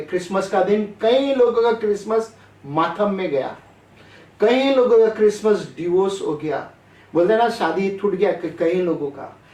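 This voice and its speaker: Man preacher, high voice, chatty sermon, asks questions, far from the mic. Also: darkish tone, roomy sound. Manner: conversational, asks the audience questions. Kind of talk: sermon over online call.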